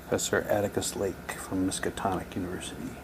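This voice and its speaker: A low-pitched man talks fast with a flat delivery while presenting audio drama props. He goes back and forth between chatty asides and reading printed material aloud, against noticeable background noise.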